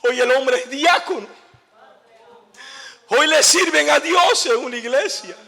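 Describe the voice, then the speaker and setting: A middle-aged man preaching a sermon as a pastor, telling a story and then rising into impassioned, shouted exhortation. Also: very high voice, measured pace, creaky. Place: church hall. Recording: long hall reverb of a church.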